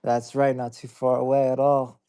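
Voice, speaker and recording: A man in his twenties from Ohio calls into an online group chat. His voice is mellow and level with a flat melody, recorded dry and close, and he rambles along in an easygoing way. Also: medium pitch, moderate pace, clear, resonant tone, dry recording. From Ohio, USA. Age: 20s. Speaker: caller, sales worker.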